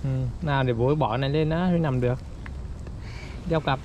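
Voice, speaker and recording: On an outdoor mountain hiking trail, a young father gently coaxes and reassures his small child in casual family talk. His mid-range voice is a little fast, and the dull audio carries steady outdoor background noise.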